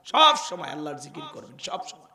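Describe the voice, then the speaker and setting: Male preacher, high bright voice, chanting sermon, impassioned shouts. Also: big pitch swings, brisk. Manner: chanting, rising to impassioned shouts, calls for audience responses.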